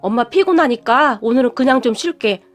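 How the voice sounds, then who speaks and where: A woman's voice: high voice, lively intonation, brisk. A woman voicing a weary, proud middle-aged mother who works as a housekeeper, talking in a stubborn, sighing way. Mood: evasive.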